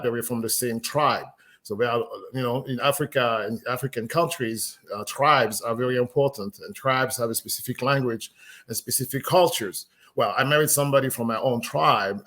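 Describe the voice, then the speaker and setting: A man's voice: mid-range voice, a bit bright. A middle-aged man from Ivory Coast and France, talking unhurriedly as a guest in a casual conversation, with many fillers.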